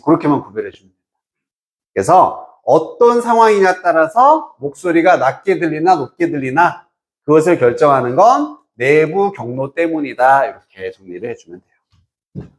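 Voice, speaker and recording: Lively high-voiced male English teacher. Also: moderate pace. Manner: checks understanding with frequent quiz-like questions; mixes English phrases into explanation. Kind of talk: lecture explaining an exam passage.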